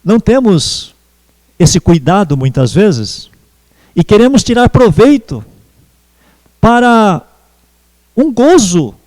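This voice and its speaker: A man preaching a sermon as pastor, slow and measured with pauses. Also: high voice, very animated, a little mellow, in a large hall. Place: church.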